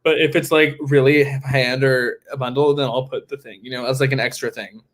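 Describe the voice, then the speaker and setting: A man co-hosting a casual podcast chat, joking and teasing in an animated way. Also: mid-range voice, fairly quick. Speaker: podcast co-host.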